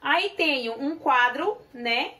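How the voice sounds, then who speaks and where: A woman's voice: sits high, lively intonation, sharp tone. A woman teaching a children's class with a Brazilian Portuguese accent, asking the class questions and then answering them herself. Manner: says syllable drills slowly and deliberately. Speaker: primary school teacher.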